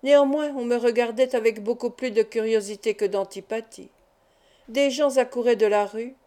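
A woman reads a fantastic tale aloud in a measured, even storytelling manner. Her voice sits a touch high, with a soft, mellow tone. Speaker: audiobook reader. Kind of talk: scripted narration of a fantastic tale.

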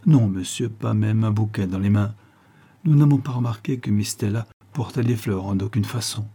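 A man's voice: lowish voice, moderate pace, warm tone, breathy edge. A man reading the part of a polite hotel clerk who answers in a formal, deferential way.

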